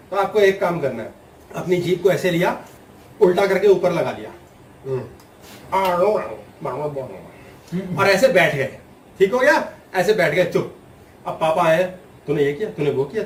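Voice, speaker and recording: Male spiritual teacher, high voice, playful storyteller who acts out voices; distant mic, roomy echo. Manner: humorous storytelling, acts out voices, laughs often. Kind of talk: spiritual discourse to a live audience. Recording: echoey room, distant mic, faint noise.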